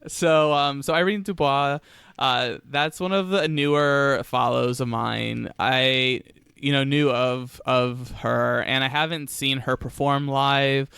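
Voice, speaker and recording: A man chatting casually as a podcast co-host, with a sassy, campy drag-queen manner and a halting, giggly delivery. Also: mid-range voice, fairly even intonation, vocal fry, sharp tone, smooth, no room sound. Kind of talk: casual chat.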